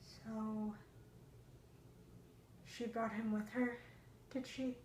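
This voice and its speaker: A young woman acting a stage monologue as a fragile, haunted young actress worn down by heartbreak, her voice swinging between hushed whispers and raised outbursts. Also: fairly high pitch, flat delivery, very slow, slight background noise. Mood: wistful. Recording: echoey room.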